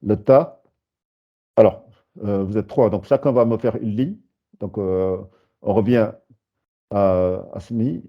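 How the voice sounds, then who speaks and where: A man leads a beginner lesson, breaking words into syllables and drawing them out slowly, with frequent hesitant fillers. His voice sits low. The recording is dull and lo-fi. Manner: patient, spells syllables slowly, many hesitations. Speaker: Arabic teacher. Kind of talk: live beginner lesson with students.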